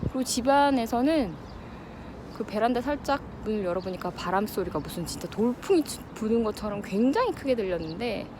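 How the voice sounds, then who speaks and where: A woman's voice: a little high, lively intonation, a little fast. A woman in her thirties talks casually and reflectively to her vlog audience while running outdoors, breathing with some effort between phrases. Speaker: vlogger. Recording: noisy outdoor ambience with wind or traffic.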